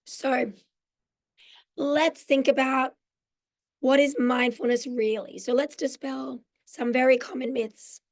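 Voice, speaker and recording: Her voice croaky and hoarse from losing it, an Australian social worker in mental health, aged in her forties, runs a live mindfulness workshop online over a video call. She speaks slowly in a high-pitched, level tone, explaining in a friendly manner with many "um"s.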